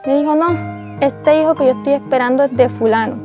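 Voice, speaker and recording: High-voiced young woman recounting. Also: fast, over music. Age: young adult. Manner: recounts dialogue, acting out voices of others. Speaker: interviewee telling her life story. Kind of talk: emotional personal testimony.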